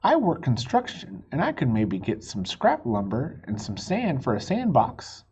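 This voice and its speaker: A man's voice: medium pitch, huge pitch swings, unhurried, a little mellow, husky, dull audio, heavily acted. A man voicing a helpful, tentatively obliging construction worker in a children's storybook.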